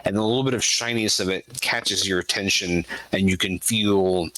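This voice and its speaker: A man with a lowish, crisp-edged bright voice acts as game master. He improvises descriptive narration and explains the game to his players. The sound is dry and close. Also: fairly even intonation, moderate pace, no echo, poor audio.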